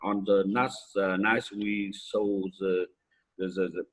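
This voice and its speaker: A Vietnamese man presents at an academic conference, speaking halting, hesitant English with a Vietnamese accent and frequent pauses. His voice sits on the low side with a steady tone.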